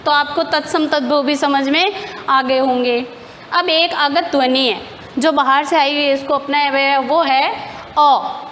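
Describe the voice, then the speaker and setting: A woman's voice: high-pitched, fairly even intonation, moderate pace, fairly bright tone, in a large hall, a little hiss or hum. A woman teacher explaining grammar step by step in a classroom lesson, asking questions and answering them herself.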